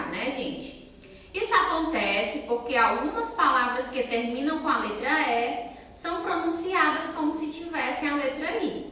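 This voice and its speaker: Brazilian female teacher, bright and patient; distant, echoey recording. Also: a little high, slight background noise. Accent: Brazilian Portuguese. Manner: patient, explains step by step and asks questions to children. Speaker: elementary school teacher. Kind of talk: recorded remote class lesson.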